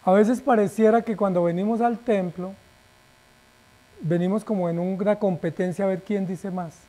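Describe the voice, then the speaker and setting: Pastor guy preaching, mellow dark voice, punchy lines that trail off soft. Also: high-pitched, steady tone, normal speed. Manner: emphatic preaching, rhetorical questions, phrase endings dropping quiet. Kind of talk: sermon.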